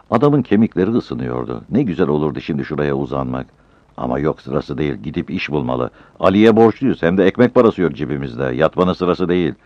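A very deep male voice reads a story in a calm, measured way, his pitch moving with lively expression. The sound is dry and close, with a somewhat dull, lo-fi tone. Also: no echo. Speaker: narrator. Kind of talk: audiobook reading.

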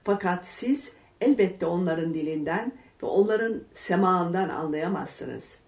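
A woman reading a religious story aloud in a measured, expressive way, voicing the lines of its characters. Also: fairly low pitch. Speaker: reader. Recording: echoey room.

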